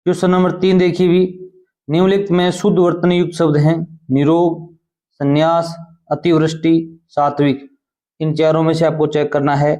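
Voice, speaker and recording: A male teacher running an exam-prep lesson who explains answers step by step and often asks quick questions. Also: a little high, flat delivery, warm tone.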